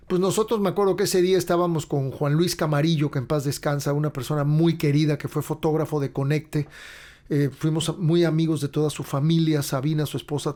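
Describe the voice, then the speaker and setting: A man's voice: on the high side, a little mellow. Mexican man telling rambling stories. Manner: rambling anecdotal telling with slang. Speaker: podcast host and rock musician. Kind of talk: casual storytelling monologue.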